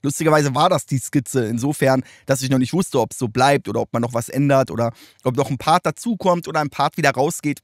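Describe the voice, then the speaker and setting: A man hosting a casual reaction chat, animated and slangy and quick to laugh. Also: medium pitch, dry recording, studio quality. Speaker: host.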